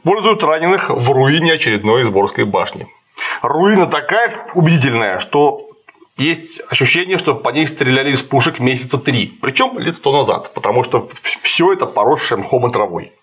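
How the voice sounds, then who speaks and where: A man's voice: medium pitch, expressive, normal speed, a bit bright, husky. A man chatting casually while critiquing a film, sarcastic and digressive. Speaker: co-host reviewing a film.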